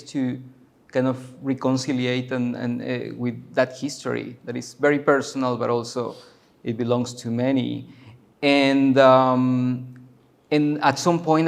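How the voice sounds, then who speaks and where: A man's voice: mid-range voice, gravelly. A man in his forties from Guatemala, a curator giving a loose, chatty talk full of fillers and restarts at a university. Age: 40s. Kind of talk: casual public talk. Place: university lecture room.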